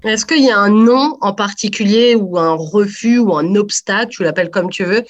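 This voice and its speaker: A woman's voice: medium pitch, normal speed, dull audio. A woman interviewer asking long, carefully hedged questions.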